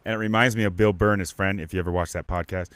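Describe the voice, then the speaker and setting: A man's voice: sits low, steady tone, fast talker, fairly bright tone, no echo. A man hosting a casual live podcast, talking in a rambling, stop-start way with lots of restarts and fillers. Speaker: podcast host. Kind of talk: casual live-stream chat.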